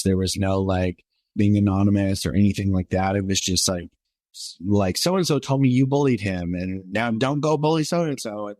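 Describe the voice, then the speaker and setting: Guesting on a podcast, a twentysomething man rambles earnestly through his personal story, filling it with verbal fillers. His voice runs somewhat high for a man but has a darkish tone, and there's no room sound.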